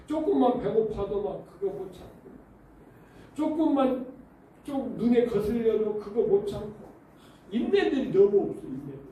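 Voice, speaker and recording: A pastor preaches a sermon in a church sanctuary in a very dark, mellow voice that sits a little high for a man. He speaks at normal speed with a sing-song lilt, drawing the congregation in with stories and rhetorical questions. He is picked up off-mic from some distance in a very echoey hall, with slight background noise.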